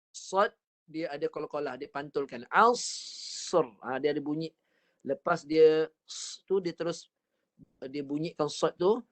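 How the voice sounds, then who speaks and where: A man with a Malaysian Malay accent leads an online Quran recitation class, speaking in a voice a little higher than most men's. He is patient and methodical, drilling each letter sound slowly and over and over. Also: darkish tone, no echo. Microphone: online class call.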